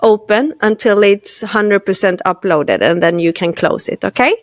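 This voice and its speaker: A woman's voice: mid-range voice, normal speed, no echo. A woman hosting a podcast in casual chat, friendly, with slightly non-standard English phrasing. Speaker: podcast host.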